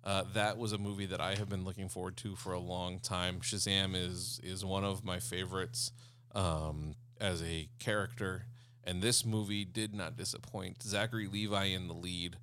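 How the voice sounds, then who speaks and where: A man's voice: low-pitched, level tone, normal speed, fairly bright tone, a little hiss or hum. A man co-hosting an entertainment podcast in casual chat, talking eagerly and earnestly with frequent fillers. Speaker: podcast co-host.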